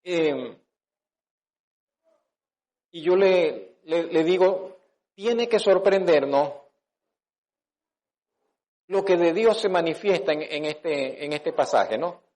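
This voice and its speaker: A man's voice: a little high, slow, long pauses, a little mellow. Conversational man pastor preaching. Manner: conversational preaching with restarts and rhetorical questions. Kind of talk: sermon.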